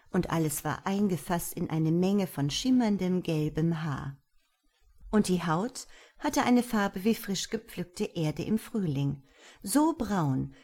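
A woman reading a fairy tale aloud in an expressive, measured storytelling manner. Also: lowish voice. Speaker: narrator.

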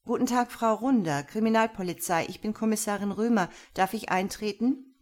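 A woman voicing a seasoned female police detective, speaking in a brisk, matter-of-fact way. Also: medium pitch, pitched above the performer's own voice, close to an everyday voice. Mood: formal.

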